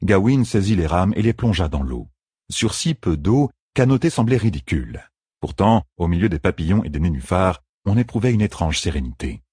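A man narrating a fantasy audiobook in a measured, storytelling manner with a husky voice. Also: low voice, big pitch swings, warm tone, dry recording, studio quality.

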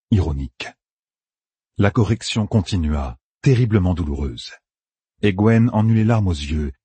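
A man reads a fantasy audiobook in a husky, breathy voice, rising and falling with lively drama. The recording is dry and close, with no room sound. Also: low-pitched, no echo. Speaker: narrator.

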